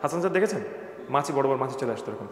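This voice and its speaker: A man's voice: medium pitch, lively intonation, rapid-fire. Jokey male teacher in an echoey classroom. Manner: playful, jokey, quizzes students by name. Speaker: English pronunciation teacher. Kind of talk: classroom lesson. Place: classroom with students. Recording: echoey room with long reverb, faint background noise.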